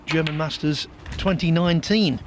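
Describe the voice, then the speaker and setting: A man's voice: fairly high pitch, moderate pace. A man giving live commentary on a snooker match. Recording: light background noise.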